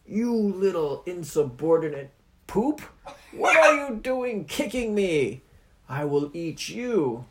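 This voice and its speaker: A man voicing a huge hungry demon who speaks slowly and gloats over his next meal. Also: high voice, sing-song, voice pushed up, full character voice. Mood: menacing. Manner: slow, gloating, menacing.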